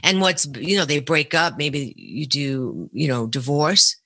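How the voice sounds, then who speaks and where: Bright-voiced woman giving earnest advice. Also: low voice, expressive, measured pace, dry recording, clean studio sound. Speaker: radio show guest. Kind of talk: conversational spiritual advice.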